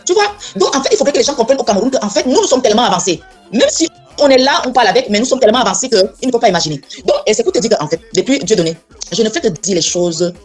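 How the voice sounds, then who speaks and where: A woman's voice: on the high side, big pitch swings, rapid-fire, husky, soft background music. A woman in a casual chat, blunt and insistent, often repeating herself. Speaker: co-host.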